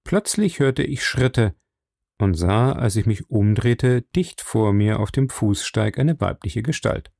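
A man narrating a story in measured first-person storytelling. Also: fairly low pitch, lively intonation, creaky, darkish tone, dry recording, clean studio sound. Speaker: audiobook narrator.

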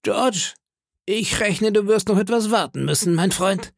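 A man's voice: high-pitched, unhurried, vocal fry, dry recording, studio quality, voice pushed up, full character voice. A man voicing a cunning older male pirate leader who talks in a scornful, threatening way, in a storybook reading. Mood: mocking.

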